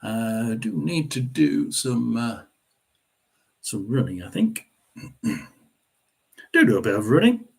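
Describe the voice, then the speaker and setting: A middle-aged man hosts a football watchalong in a loose, casual way. He rambles along with plenty of fillers and keeps clearing his throat between thoughts. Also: mid-range voice, very animated, slow, long pauses. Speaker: watchalong host. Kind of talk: casual live football commentary.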